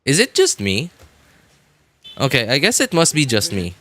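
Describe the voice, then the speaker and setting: A man on a game livestream reads viewer comments and answers them casually, speaking hesitantly and repeating phrases often as music plays in the background. His medium-pitched voice swoops wildly, pushed and bright, at a normal speed.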